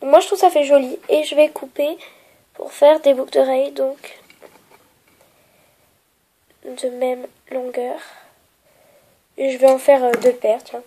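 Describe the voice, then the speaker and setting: Young girl with a cold, nasal stuffy voice, high and mellow, lots of euh while showing a craft. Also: level tone, unhurried, long pauses, rough recording. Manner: hesitant, many fillers, softly trailing off. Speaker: polymer clay tutorial maker. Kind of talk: casual craft tutorial.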